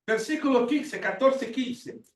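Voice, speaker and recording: A man's voice: very high voice, slow. A man in his sixties teaching a Bible class in sermon style, emphatic and repetitive, acting out quoted prayers. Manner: emphatic, repeats words, acts out quoted prayers. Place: church classroom. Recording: echoey room from far off with faint hiss.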